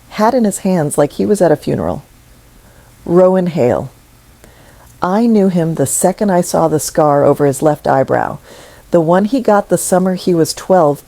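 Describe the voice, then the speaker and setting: Mellow low-voiced woman narrating a story. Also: no room sound, poor audio.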